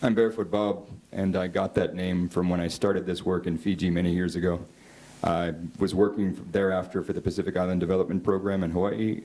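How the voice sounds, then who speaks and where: Male workshop participant, very deep gravelly voice, quick, dark tone. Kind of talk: self-introduction at a workshop.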